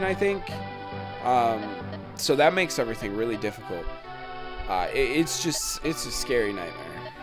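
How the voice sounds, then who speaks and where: Man in his late twenties, relaxed gameplay host, meandering and filler-heavy, medium pitch, clear game music bed. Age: 20s. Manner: rambling, lots of ums and uhs. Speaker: let's play host. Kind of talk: casual gameplay commentary. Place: at home during quarantine. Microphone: webcam setup.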